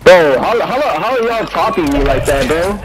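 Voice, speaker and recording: A young man talking to his squad over game chat in a high, lively voice. He is excitable and slangy, often repeating his phrases. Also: moderate pace, over a noisy crowd. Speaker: squad player in an online shooter. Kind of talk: casual gaming squad chat.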